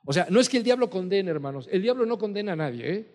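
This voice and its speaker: A man's voice: high-pitched, expressive, fast talker, a little mellow. Earnest man preaching in a reverberant hall. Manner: earnest, emphatic preaching with repetitions. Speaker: pastor. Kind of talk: sermon.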